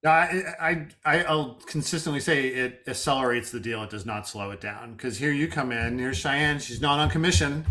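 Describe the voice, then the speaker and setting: A man's voice: medium pitch, sharp tone. A man hosting a casual podcast conversation, enthusiastic and affirming. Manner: enthusiastic, affirming, quick asides. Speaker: podcast host.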